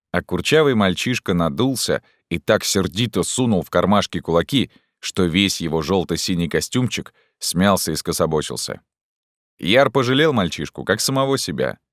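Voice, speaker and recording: A man narrating a story as an audiobook in an expressive way. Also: low voice, no room sound, studio quality. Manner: expressive, acting out voices.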